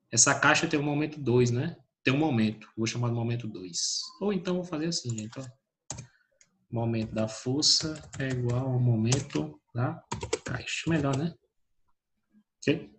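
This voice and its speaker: A man gives an online physics lesson from home, speaking at an ordinary middle pitch. He calls students by name, throws out questions and answers them himself. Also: a bit bright. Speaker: teacher.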